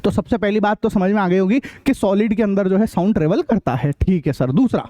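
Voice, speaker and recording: High-voiced playful young male teacher. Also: fairly quick, mellow. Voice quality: playful, imitates sounds and voices. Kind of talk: lively classroom lecture with jokes and sound effects.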